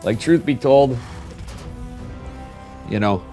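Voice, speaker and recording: A man's voice: mid-range voice, expressive, takes it slowly, dark tone, soft background music. A man with a cold and a whistling nose giving casual, slangy live esports commentary. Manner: informal, slangy, chatty. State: stuffed up with a cold.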